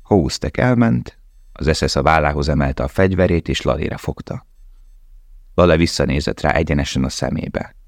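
A man reading a novel aloud in a calm, measured way. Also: very deep voice, vocal fry, dry recording, studio quality. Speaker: audiobook narrator. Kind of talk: scripted narration.

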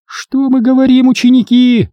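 A man's voice: extremely high pitch, level tone, normal speed, dry recording, muffled recording, voice pushed up. A man voicing a strict, prim female warden who scolds sharply with a falsely sweet manner. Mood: shrill angry.

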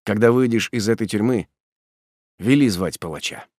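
A man's voice: on the low side, normal speed, a little mellow, dry recording, studio quality, lightly acted. A man reading an audiobook and voicing a proud, bitter young condemned man in a cold, restrained manner.

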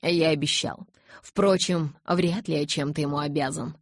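A woman reading the part of a calm, teasing young male vampire husband in a quiet, dry, understated way. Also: low voice, moderate pace, no room sound.

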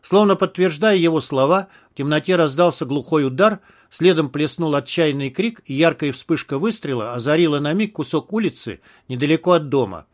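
A man reading an audiobook aloud, narrating the story and raising his voice for the characters' shouts. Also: fairly high pitch, lively intonation, fairly quick, few pauses.

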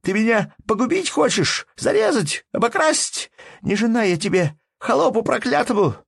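A man's voice: extremely high pitch, sing-song, moderate pace, gravelly, fairly bright tone, husky, dry recording, studio quality, pitched above the performer's own voice, exaggerated voice. A man voicing a furious middle-aged wife of a village steward who screams accusations and wails at her husband. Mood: wailing. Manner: shrieking, accusing, wailing.

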